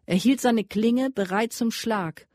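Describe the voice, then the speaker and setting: A woman narrating an adventure audiobook in a measured, even reading. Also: on the high side, no echo, clean studio sound. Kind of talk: scripted storybook narration.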